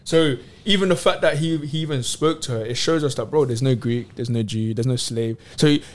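A man in casual faith discussion on a podcast, animated and slangy, retelling Bible stories in street talk. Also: medium pitch, fairly quick. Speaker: podcast co-host.

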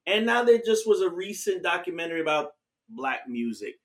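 A man hosting a radio interview, affirming his guest and giving shout-outs between questions. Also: high voice, big pitch swings, a little fast. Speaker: radio show host. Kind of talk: interview conversation.

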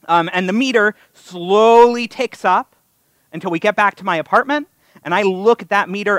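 The poor, dry audio captures a high-pitched, somewhat bright male voice. At a live synagogue service, this rabbi with a North American accent preaches conversationally through stories, wryly self-deprecating.

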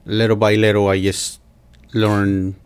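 Man, low pitch, smooth voice, halting casual interview answers. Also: level tone. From Mexico. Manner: hesitant, halting, with many fillers and restarts. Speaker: restaurant owner, guest.

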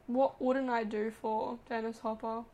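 A woman's voice: a little high, flat delivery, measured pace, mellow. A woman co-hosting a podcast, chatting casually and gushing like a gossipy storyteller. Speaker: podcast co-host. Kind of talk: casual chat.

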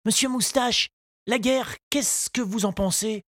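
A woman voicing a small, gentle, curious boy who asks eager questions. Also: a little high, measured pace, no room sound, studio quality, voice pushed up. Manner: eager, wide-eyed questioning.

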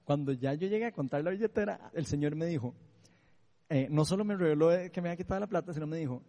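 High-voiced Costa Rican preacher. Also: male voice, fast talker, mellow, big-room sound. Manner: storytelling, often asking the listeners for agreement. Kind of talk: sermon testimony.

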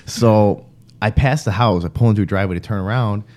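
A young man co-hosting a podcast, telling a story in brash, profane, excitable chat. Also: fairly low pitch, brisk. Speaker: podcast co-host.

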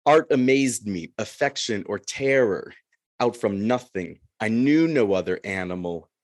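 A man voicing a lonely, brooding male minotaur in a slow, measured poetry reading. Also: on the low side, a little mellow, dry recording, clean studio sound, voice pushed up.

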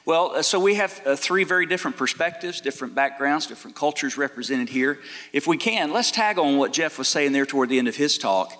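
A man's voice: a little high, expressive, brisk, fairly bright tone, big-room sound. A man, a pastor moderating a church panel in a friendly, joking, chatty way. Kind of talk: casual moderating at a church event.

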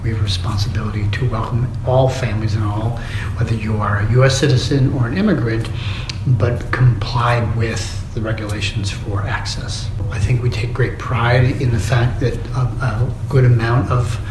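A man's voice: mid-range voice, steady tone. Echoey middle-aged male school official. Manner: measured, official phrasing with pauses. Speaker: school superintendent. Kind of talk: interview answer. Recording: echoey room with background noise.

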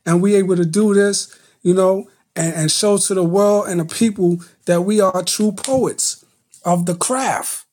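Laid-back male poet with a mellow voice. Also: sits high. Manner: relaxed, halting with restarts. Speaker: guest poet. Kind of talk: casual chat.

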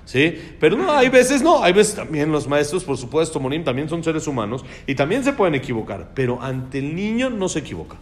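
A Torah teacher with a fairly high-pitched voice leads a religious class on raising children. He speaks emphatically and poses questions to his listeners.

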